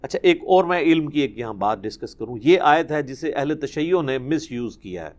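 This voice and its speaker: A man's voice: on the high side, animated, darkish tone. A man giving a Quran commentary lesson, explaining emphatically and reciting Arabic verses between his explanations. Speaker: Quran teacher.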